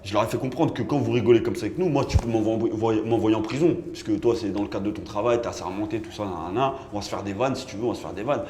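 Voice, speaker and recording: A man, a rapper, casually telling a personal story in an animated, slangy way, acting out bits of dialogue as he goes. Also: fairly low pitch, quick pace, few pauses, a little hiss or hum. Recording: echoey room with faint ambience.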